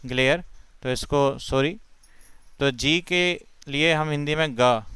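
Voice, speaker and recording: Slow, patient Hindi-accented phonics teacher. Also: male voice, medium pitch, sharp tone, smooth, no echo. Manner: slow, patient, sounds out letters one by one. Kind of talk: spelling lesson explained step by step.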